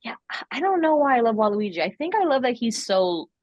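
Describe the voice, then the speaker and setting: A woman's voice: fairly high pitch, sing-song, brisk, darkish tone, no room sound, highs cut off. A woman guest in a casual podcast chat, talking playfully and rambling with frequent laughter.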